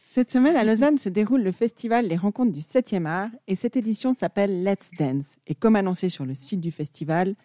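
A woman's voice: mid-range voice, animated, a little fast, few pauses, dark tone, no room sound, clean studio sound. A young woman presenting an enthusiastic music chronicle on the radio.

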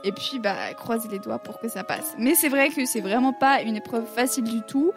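Chatty woman radio host, higher voice. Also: normal speed. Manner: chatty, laughs often between lines. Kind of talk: casual radio chat. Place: radio studio. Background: faint music bed.

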